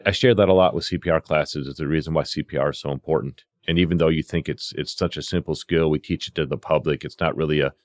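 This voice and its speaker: A man speaking fast with hardly any pauses, in a rumbling low voice of fairly even intonation, shares stories from his work as a paramedic and CPR instructor. He animates them by acting out exchanges in quoted dialogue, and the studio sound is clean and dry.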